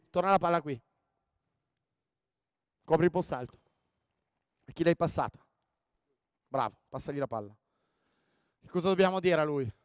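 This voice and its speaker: A man running a basketball coaching clinic on the court, directing players with quick commands and frequent "ok?". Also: a little high, clean tone, no room sound. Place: indoor sports hall.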